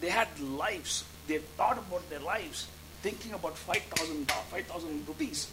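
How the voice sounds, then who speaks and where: A man preaching in English, telling a story and acting out his talks with God, pausing for an interpreter. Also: on the high side, heavy background noise. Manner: storytelling, acts out dialogue with God. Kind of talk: sermon with interpreter.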